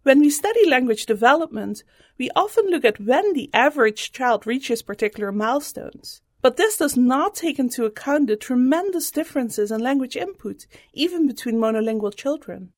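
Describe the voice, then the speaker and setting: A woman psychology professor reading a scripted radio segment about her research in a measured, explanatory way. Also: high voice, lively intonation, dry recording, studio quality.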